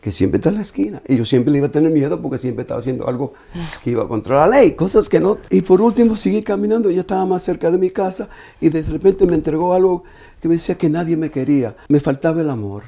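Gravelly man telling a personal testimony. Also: fairly high pitch, warm tone. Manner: halting, earnest storytelling with repeated restarts. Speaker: speaker sharing a personal testimony.

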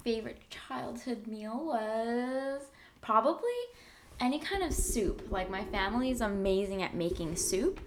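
A young woman from Canada chatting casually, slow and thoughtful with many fillers. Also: fairly high pitch, lively intonation, slight background noise. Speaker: conversation card game player. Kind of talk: casual chat.

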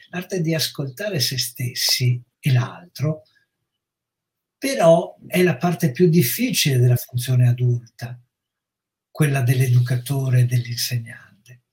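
A middle-aged man speaks as a psychologist in a reflective educational talk. He explains things in a measured, thoughtful way. His voice sits somewhat high for a man. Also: darkish tone. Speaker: psychologist guest.

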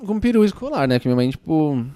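A man with a Brazilian accent in casual chat, telling embarrassing stories in an animated way. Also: on the high side, fast talker, clear, resonant tone, no room sound, clean studio sound. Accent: Brazilian Portuguese. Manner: animated storyteller, calls his listener "menina".

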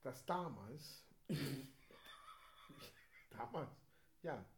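A man's voice: mid-range voice, expressive, very slow. A man co-hosting a radio show in joking banter, rambling and tripping over his words.

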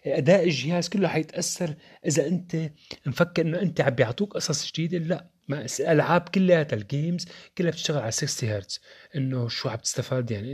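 Opinionated young male tech vlogger, Levantine accent, rapid delivery, slightly raspy tone. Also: mid-range voice, a little mellow. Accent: Levantine Arabic. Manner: opinionated, rhetorical, addresses viewers directly. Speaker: tech reviewer. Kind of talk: casual tech opinion talk.

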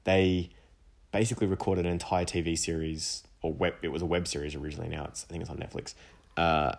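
A man's voice: low-pitched, steady tone, quick pace, vocal fry. A man hosting an education podcast alone, talking enthusiastically and rambling with restarts and asides. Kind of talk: solo podcast monologue.

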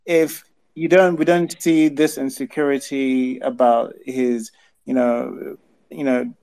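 A man's voice: medium pitch, level tone, slow, vocal fry, mellow, low-quality recording. A man with an ordinary mid-range voice talks through a film on a podcast. He repeats words and restarts his sentences while he works out his point. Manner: stammering restarts, thinks aloud. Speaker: podcast co-host. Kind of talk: casual film discussion.

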